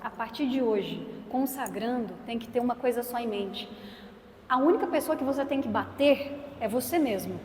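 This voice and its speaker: A woman's voice: fairly high pitch, expressive, normal speed, a little hiss or hum. A young Brazilian woman teaching a parish consecration class, playful and questioning her audience. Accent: Brazilian Portuguese. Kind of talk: lively parish teaching talk. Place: church hall. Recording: echoey hall with long reverb.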